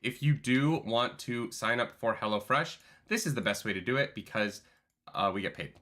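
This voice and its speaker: Lively man in his thirties chatting. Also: mid-range voice, moderate pace. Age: 30s. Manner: animated, reads chats aloud. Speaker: co-host. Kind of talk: casual livestream chat.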